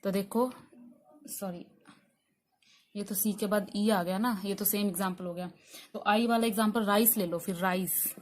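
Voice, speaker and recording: A woman's voice: medium pitch, fairly even intonation, moderate pace, pauses often. A woman teaching an online pronunciation lesson, explaining patiently and spelling words out letter by letter with frequent check-ins. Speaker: English teacher.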